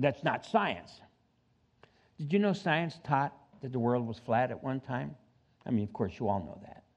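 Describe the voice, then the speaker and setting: A pastor in his seventies preaches an animated sermon, his voice at an ordinary middle pitch that climbs sharply when he presses a point. He drops in joking asides between scripture readings. The church recording sounds dull and lo-fi. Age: 70s.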